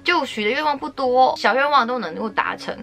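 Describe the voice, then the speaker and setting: A woman's voice: high-pitched, expressive, brisk, a bit bright, soft background music. A young woman from Guangdong, China, hosting her own vlog, talking straight to the camera and giving earnest, indignant commentary with rising emphasis. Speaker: vlogger host. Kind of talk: opinionated talk to camera.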